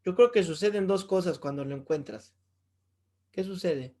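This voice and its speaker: A man with a Mexican accent, a pastor teaching a Bible lesson with lively stories and rhetorical questions to the audience. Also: high voice, normal speed. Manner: jokes and chuckles while telling stories.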